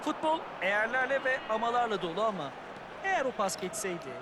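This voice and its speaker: Football game pundit: high voice, conversational and opinionated color commentary, noisy stadium bed. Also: male voice, sing-song, quick pace. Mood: engaged, analytical. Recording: stadium noise behind.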